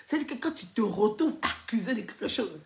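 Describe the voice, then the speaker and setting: A woman's voice: medium pitch, lively intonation, a little fast, vocal fry. Chatty, mocking woman. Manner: mocking, chatty, laughing often. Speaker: social media commentator. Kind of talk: casual live video commentary.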